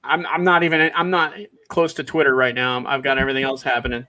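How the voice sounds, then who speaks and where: A man's voice: medium pitch, level tone, fast, pushed and bright. A man hosting a live football show, chatty, with many fillers, laughing easily. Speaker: show host. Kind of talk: casual sports chat.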